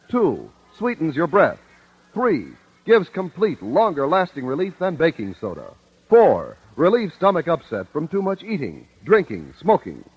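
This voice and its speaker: A man reading a chipper 1950s radio advertisement as an announcer, with an emphatic, itemized sales pitch. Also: breathy edge, no echo. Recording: muffled vintage radio recording.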